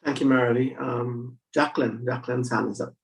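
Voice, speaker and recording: A man's voice: mid-range voice, fairly even intonation, brisk, gravelly. A middle-aged man with a Trinidadian accent moderating an online panel discussion, hesitant, with many restarts and fillers. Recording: distant from the mic.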